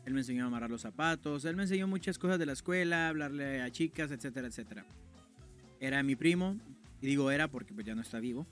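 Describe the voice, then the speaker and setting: A man's voice: mid-range voice, quick pace, fairly bright tone, soft background music. A man from Guatemala with a Mexican accent, telling a story to his stream chat in a crude, slangy, casual way. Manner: slangy, crude, keeps tagging "güey".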